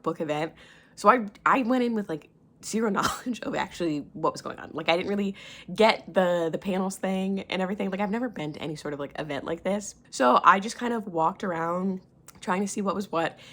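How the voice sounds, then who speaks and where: A woman's voice: medium pitch, a little hiss or hum. A young woman vlogging in casual chat, gushing and chatty with lots of filler words.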